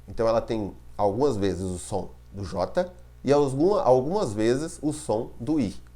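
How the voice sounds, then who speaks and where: A man with a Brazilian Portuguese accent gives a recorded distance-learning lesson in a somewhat low voice. He talks patiently and repeats each example word slowly so students hear the sound. He keeps checking in with his students as he goes. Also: a little mellow. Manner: patient, repeats words slowly to show pronunciation. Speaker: Spanish teacher.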